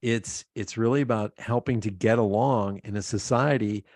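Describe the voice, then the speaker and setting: A man's voice: lowish voice, normal speed, darkish tone, dry recording, clean studio sound. A middle-aged man from Pennsylvania, a podcast guest telling rambling stories about his life and laughing often. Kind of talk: casual interview chat.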